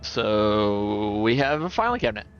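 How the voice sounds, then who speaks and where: A man's voice: on the low side, very animated, measured pace, smooth, lo-fi sound, soft background music. A middle-aged man hosting a casual gaming livestream, rambling and chuckling as he tells stories. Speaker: livestream host.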